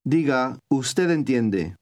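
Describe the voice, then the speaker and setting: Man reading language drill instructions, clear and measured, middle pitch. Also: animated, a little mellow. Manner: clear, measured teacher's delivery. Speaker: language course narrator. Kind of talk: scripted instructional narration.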